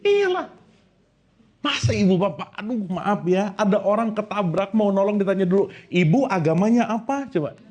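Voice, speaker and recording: Man, joking preacher, high voice, very lively pitch. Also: moderate pace. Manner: joking, quizzes the audience with questions. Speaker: Islamic preacher. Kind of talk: lively sermon to a live audience.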